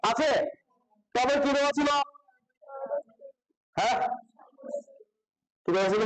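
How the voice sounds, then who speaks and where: A man's voice: very high-pitched, slow pace, fairly bright tone, poor audio. A man teaching a grammar lesson to a class in style speech, constantly asking questions and repeating the answers.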